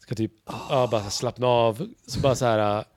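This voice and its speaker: A man who does stand-up talks casually on a podcast in a mid-range voice, recorded at studio quality without echo. He's an animated storyteller who performs other people's lines and swears and uses filler words a lot.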